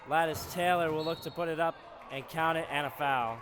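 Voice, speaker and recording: A man calling live college basketball play-by-play from an arena skybox, breaking into shouts on big plays. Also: fairly high pitch, steady tone, fairly quick. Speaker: play-by-play commentator. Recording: noisy arena broadcast.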